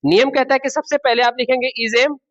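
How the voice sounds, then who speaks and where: With an extremely high, fairly bright voice, a male teacher talks a little fast and keeps his intonation fairly even. He runs a classroom grammar lesson, questioning the class, repeating key words, and calling students babu and beta, recorded in dull lo-fi sound.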